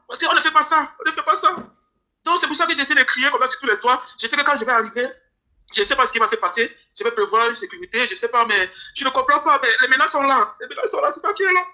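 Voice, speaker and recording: Grieving man from Cameroon, pleading, fast and bright interview voice. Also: extremely high pitch. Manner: pleading, repeats phrases. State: grieving, near tears. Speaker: interview guest. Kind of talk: emotional interview testimony.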